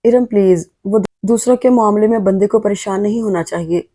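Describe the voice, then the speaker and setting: Woman reading a curt young husband, dodgy then bossy, mellow voice, audiobook. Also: mid-range voice, normal speed, natural voice. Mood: evasive. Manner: evasive, then scolding.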